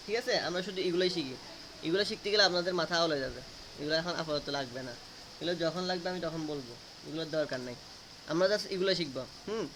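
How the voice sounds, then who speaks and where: High-pitched man drilling a grammar lesson. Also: a bit bright, slight background noise. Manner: repetitive, drilling students with questions. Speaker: teacher.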